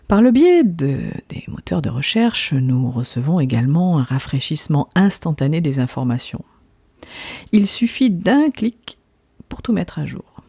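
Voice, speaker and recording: A woman's voice: sits low, warm tone, no room sound. A woman from the south of France hosting a podcast, delivering a scripted monologue with conversational asides and questions put straight to the listener. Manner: rhetorical questions, addresses listeners directly. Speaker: podcast host.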